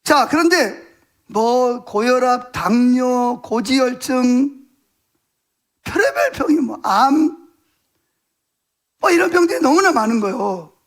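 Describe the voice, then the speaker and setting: A man's voice: very high-pitched, very animated, slow pace, long pauses, a bit bright. A man preaching a Sunday morning sermon as pastor, emphatic and colloquial, firing rhetorical questions at his congregation. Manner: repeats words for stress, colloquial.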